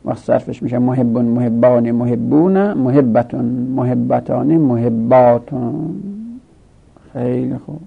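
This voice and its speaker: A man's voice: medium pitch, gravelly, husky. A man teaching a grammar lesson, methodically reciting conjugation tables in a tinny, phone-like recording.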